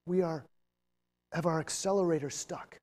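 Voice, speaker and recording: A middle-aged man giving a motivational leadership talk to students. He swings between loud, emphatic points and quiet, reflective asides, with jokey, self-deprecating humor. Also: fairly high pitch, steady tone, normal speed. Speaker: guest speaker on leadership. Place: university lecture room.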